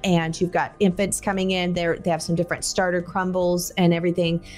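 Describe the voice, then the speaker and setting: A woman's voice: fairly low pitch, level tone, brisk, darkish tone, faint music behind. A woman in her forties hosting a podcast from a small home room, talking in a casual, chatty way through a headset. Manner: chatty, conversational, gestures while talking. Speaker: podcast host. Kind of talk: casual solo podcast talk. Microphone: over-ear headset.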